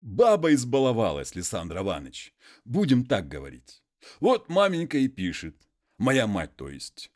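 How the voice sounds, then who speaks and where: Peasant role for a male narrator: illiterate, folksy, pleading, pitched well above his own voice, loud. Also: huge pitch swings. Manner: folksy, drawn-out pleading speech.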